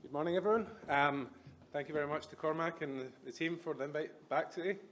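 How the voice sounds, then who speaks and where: A man in his thirties from Glasgow with a Glaswegian accent, giving a quick, chatty business presentation at a conference with plenty of ums. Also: on the high side, fairly bright tone, a little hiss or hum. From Scotland. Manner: quick, chatty, self-deprecating, many ums. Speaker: conference speaker. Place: hotel conference room.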